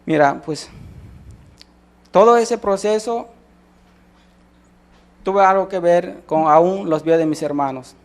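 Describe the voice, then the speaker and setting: Taking his time and pausing often, a high-voiced man relates his sermon testimony in a Mexican Spanish accent. He narrates like a storyteller, restarts frequently, and performs the quoted dialogue of the people involved.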